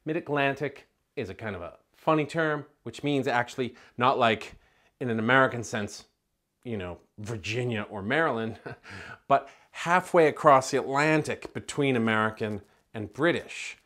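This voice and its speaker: Man lecturing on video, mid-pitched voice, chatty asides, self-corrections. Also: moderate pace, fairly bright tone. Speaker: film studies lecturer.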